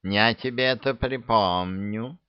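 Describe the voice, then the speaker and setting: A man voicing a sly, greedy talking male cat in a storybook reading, slow and haggling. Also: medium pitch, clear, resonant tone, dry recording, highs cut off. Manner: slow, sly, bargaining drawl.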